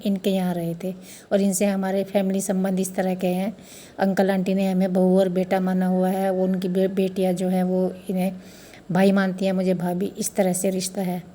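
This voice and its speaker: A woman's voice: mid-range voice, mellow. A woman chatting to viewers in a casual family vlog, explaining household customs step by step. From India. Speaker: family vlogger. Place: family home during a festival.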